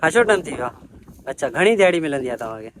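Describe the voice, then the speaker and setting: A man's voice: a little high, very animated, very fast, background noise. A man from Sindh, Pakistan, vlogging in village farmland outdoors, asking short questions and repeating each answer back before he turns to the camera. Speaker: village vlogger interviewing workers. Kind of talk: casual interview and talk to camera.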